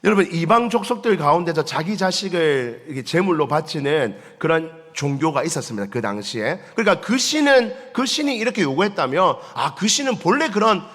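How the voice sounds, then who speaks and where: A man preaching a Sunday morning sermon as pastor, lively, acting out the voices he quotes and asking the congregation questions. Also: fairly high pitch, a little fast, hardly any pauses. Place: church sanctuary. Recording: long church reverb.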